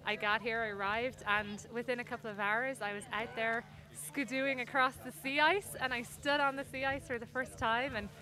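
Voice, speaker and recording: A woman's voice: fairly high pitch, fairly even intonation, moderate pace, hardly any pauses, pushed and bright. A young woman researcher speaking in an interview with enthusiasm and easy laughter. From Ireland. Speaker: sea ice researcher.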